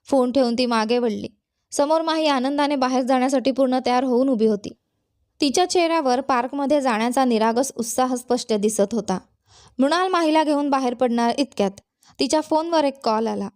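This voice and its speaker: Woman storyteller, high voice, steady clear reading, storybook narration.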